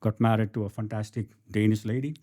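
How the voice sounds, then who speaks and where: A middle-aged entrepreneur and author from Bangalore, India, tells his story emphatically as an interview guest, speaking with an Indian accent and often checking in with the listener. His voice is fairly low, warm, fast and steady in tone.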